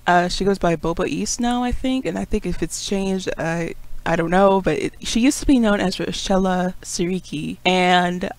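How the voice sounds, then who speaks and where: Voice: mid-range voice, moderate pace, low-quality recording. A webcomic creator in a casual, rambling vlog monologue, self-critical and laughing often. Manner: calls own rising talk a puppet voice.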